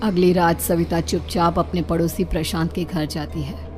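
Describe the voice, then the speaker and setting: A woman's voice: lowish voice, steady tone, moderate pace, music in the background. A woman narrator delivering a scripted horror story.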